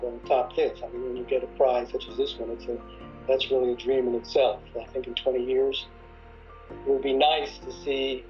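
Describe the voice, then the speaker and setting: A man of middle pitch answers interview questions in an earnest, halting manner as a prize winner. The recording sounds somewhat dull and lo-fi. Faint music plays behind him. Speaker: prize laureate.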